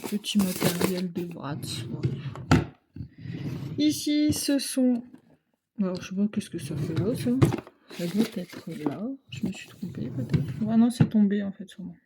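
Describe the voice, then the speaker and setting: A woman's voice: medium pitch, lively intonation, unhurried. A woman with a Ch'ti accent, touring her craft supplies in a casual way and hesitating with many fillers as she thinks aloud. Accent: Ch'ti (northern French). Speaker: craft vlogger. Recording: loud crinkling and clicking handling noise. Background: rustling of packaging and boxes.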